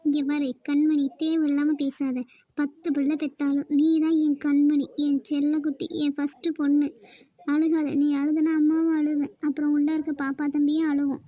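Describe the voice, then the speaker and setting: A woman's voice: high voice, flat delivery, moderate pace, mellow, dry recording, natural voice. A woman voicing a doting, scolding mother in a family skit, fussing and reproachful.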